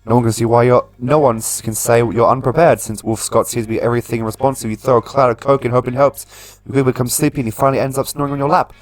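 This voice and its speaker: This fast-talking host keeps his mid-range voice fairly even while narrating a game's story and chiming in casually with comments. The recording is rough and dry, with faint game music behind him.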